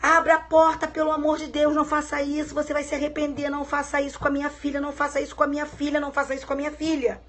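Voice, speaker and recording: A woman's voice: high-pitched, monotone, racing, few pauses, fairly bright tone, voice pushed up. A woman acting out a frantic pleading mother. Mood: desperate pleading. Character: desperate mother pleading at locked door.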